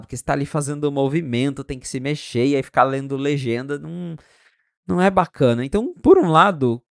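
Guy chatting on a tech podcast, gravelly voice, animated, dry mic. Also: on the high side, dry recording. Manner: animated, chatty, quotes friends in dialogue. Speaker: podcast co-host. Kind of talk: casual tech chat.

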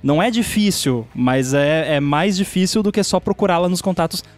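A man's voice: high-pitched, normal speed, faint music behind. A man, chatting casually as a podcast host and laughing often. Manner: chatty, laughs often, gives practical advice. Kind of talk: casual chat.

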